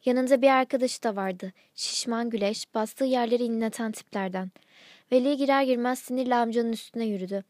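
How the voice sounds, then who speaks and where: A woman reading a literary short story aloud in calm, measured narration. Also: fairly high pitch, dry recording, studio quality.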